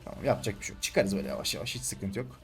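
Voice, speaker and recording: A young man casually commentating his own gameplay, taunting and yelling at the screen, then calming down to explain his moves. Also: on the low side, very fast, creaky, soft background music. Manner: excitable, shouts and taunts at the game, swings between calm and loud.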